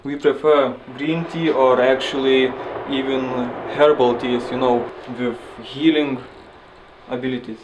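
Young guy w lithuanian accent explaining stuff slowly, kinda halting, echoey kitchen. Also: mid-range voice, fairly even intonation, highs cut off. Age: 20s. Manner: hesitant, halting with repeated words. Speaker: student interviewee. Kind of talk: casual explanation to camera. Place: small indoor kitchen. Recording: echoey kitchen with audible background noise.

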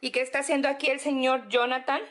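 A young Mexican woman with a Mexican accent, gushing excitedly in a casual home vlog from her apartment. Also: high voice. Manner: excitable, gushing, drawn-out words. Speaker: vlogger.

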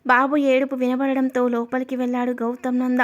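A woman narrating a family story at an even, steady pace. Her voice sits somewhat high, and her delivery stays plain and unhurried. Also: dull audio.

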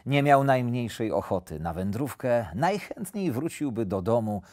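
A man narrating a children's storybook expressively, playful, with dramatic drops to a hush. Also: medium pitch, sing-song, moderate pace, dry recording, clean studio sound.

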